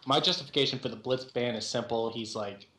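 A man's voice: medium pitch, brisk, sharp tone, a little hiss or hum. A man chatting casually with his gaming team as they plan their picks. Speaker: team player planning champion picks. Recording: roomy, echoey voice-chat sound.

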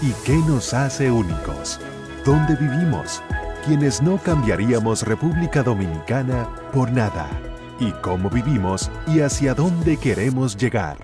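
A man's voice: medium pitch, sing-song, measured pace, music in the background. A man reading a public service ad voice-over in a persuasive announcing style.

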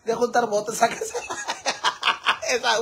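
Campy high-voiced Mexican man streaming. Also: expressive, normal speed, fairly bright tone. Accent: Mexican Spanish. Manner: flamboyant and campy, calls viewers "sisters", laughs often. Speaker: livestream host reading viewer comments. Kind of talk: casual livestream chat.

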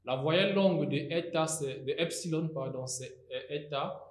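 A man teaching a grammar lesson, slowly and deliberately spelling out word forms with occasional hesitations. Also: on the high side, reverberant. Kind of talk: recorded Greek grammar lesson.

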